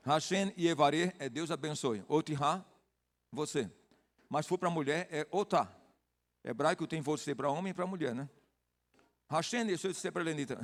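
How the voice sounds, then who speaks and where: A man's voice: fairly high pitch, long reverb tail. An older Brazilian man, a pastor, teaching a Bible study and greeting people in the congregation by name. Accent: Brazilian Portuguese. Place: church hall.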